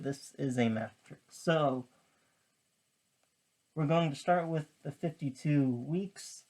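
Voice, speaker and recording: A tutorial presenter with a mid-pitched voice delivers casual card magician patter. The pace is slow, and the explanation comes step by step in halting little pieces. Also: a little mellow.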